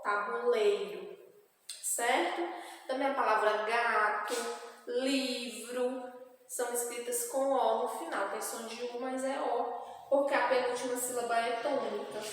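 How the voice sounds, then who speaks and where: A Brazilian woman teacher slowly going over spelling with children, spelling out words in a patient, clear classroom manner. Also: a little high. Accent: Brazilian Portuguese. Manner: slow, clear, syllable-by-syllable teaching. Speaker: primary school teacher. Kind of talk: spelling lesson dictation review. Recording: echoey room with long reverb.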